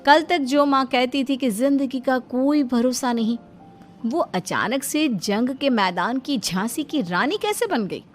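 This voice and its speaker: Higher-pitched woman storyteller. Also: animated, unhurried. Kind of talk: scripted moral-story narration. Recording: music behind the voice.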